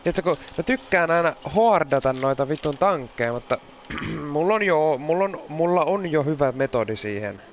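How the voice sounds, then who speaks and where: A man's voice: a little high, expressive, a little hiss or hum. A man commenting on his gameplay, frustrated and swearing constantly, mixing in English words. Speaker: gamer.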